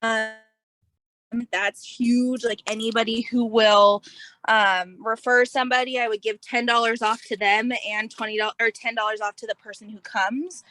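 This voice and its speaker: A woman's voice: a little high, fairly even intonation, moderate pace, pushed and bright. Chatty woman on a glitchy video call. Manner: chatty, lots of fillers like "like" and "um". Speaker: lash business owner and coach. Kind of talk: casual video call coaching. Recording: glitchy video call audio, sometimes distant.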